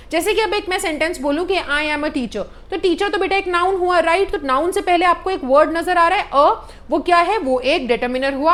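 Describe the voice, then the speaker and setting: High-voiced Indian teacher woman. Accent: Indian English. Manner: explains patiently, repeating points, often checking with the students; reads English example sentences slowly and deliberately. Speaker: English grammar teacher. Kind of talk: classroom grammar lesson.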